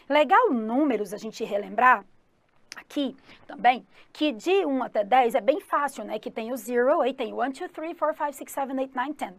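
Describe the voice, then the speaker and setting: A Brazilian woman with a fairly high voice teaches an exam-prep English lesson. She is upbeat and keeps checking in with her listeners. The sound is dry and close, with no room echo. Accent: Brazilian Portuguese. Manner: calls herself 'the teacher' in third person.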